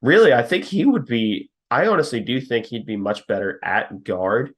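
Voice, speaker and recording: A man's voice: mid-range voice, animated, normal speed. A young man co-hosting a podcast, casually breaking down a football team's linemen, reading stats and laughing at his own jabs. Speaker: podcast co-host. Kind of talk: casual football scouting talk.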